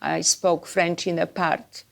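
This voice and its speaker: A woman from Poland with a Polish accent, a podcast guest chatting about her life and career with pauses and fillers. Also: fairly low pitch, little pitch movement, gravelly. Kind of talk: podcast interview.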